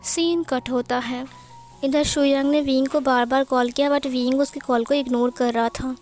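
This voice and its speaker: A woman's voice: sits high, steady tone, normal speed, darkish tone, soft background music. A woman casually narrating a fan fiction story, correcting herself as she goes.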